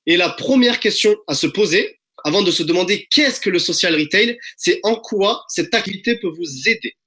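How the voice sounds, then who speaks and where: A man presenting a webinar from home in an energetic, pushy sales-pitch style, calling his audience friends. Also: normal speed, breathy edge. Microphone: video call.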